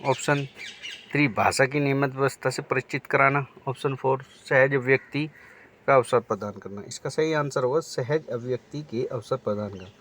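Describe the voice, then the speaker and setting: A man's voice: mid-range voice, fairly even intonation, normal speed, fairly bright tone, a little hiss or hum. A man teaching exam preparation, reading out multiple-choice options and then explaining the right answer.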